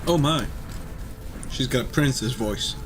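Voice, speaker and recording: A man's voice: mid-range voice, takes it slowly. Playful man doing casual gameplay commentary. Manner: playful, rambling, sweary. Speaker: video game playthrough host. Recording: game music behind the voice.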